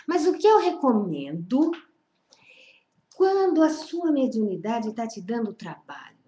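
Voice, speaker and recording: A woman's voice: fairly high pitch, sing-song, a little slow, mellow. Woman teaching in an echoey room. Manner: conversational, repeats phrases, checks in with "não é?". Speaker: spiritual study group leader. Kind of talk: informal spiritual teaching talk. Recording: roomy echo.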